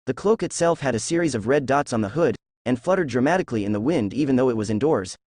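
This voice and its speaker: A man reading a fan fiction story aloud in a steady storytelling voice. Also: mid-range voice, quick pace, no echo. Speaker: narrator.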